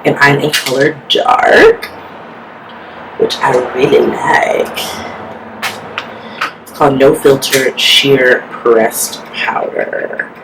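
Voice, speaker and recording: With a rumbling low voice, this woman moves very slowly through a makeup tutorial, pausing often. She's chatty and casual, leaning heavily on "like" as a filler, and a steady hiss sits behind her.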